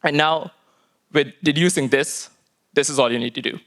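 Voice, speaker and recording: A man giving an informal technical conference talk, halting and full of fillers and restarts. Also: a little high, a bit bright. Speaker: tech lead giving a conference lightning talk.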